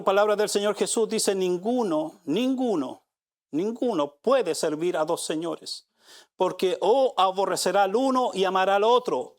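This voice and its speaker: A male pastor giving a live Sunday sermon in a church, pressing his listeners with repeated rhetorical questions and swinging between soft, low passages and louder, raised ones. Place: church sanctuary.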